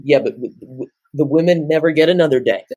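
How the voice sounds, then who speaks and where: A man in his late teens co-hosting a podcast, rambling through animated casual chat. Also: on the high side, fairly quick, highs cut off. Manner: rambling, animated, jumps into loud off-key singing. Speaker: podcast co-host.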